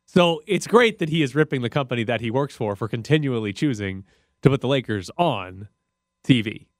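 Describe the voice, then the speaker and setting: A man's voice: medium pitch, animated, fairly quick, no room sound, studio quality. A man hosting sports radio with casual, opinionated talk.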